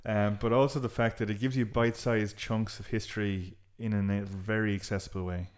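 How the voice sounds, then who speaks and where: An Irish man with a fairly low voice talks through his research in a relaxed podcast chat. He explains things at length with an earnest tone, and breaks into laughter here and there. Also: moderate pace. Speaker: historian and genealogist guest. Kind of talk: casual podcast interview.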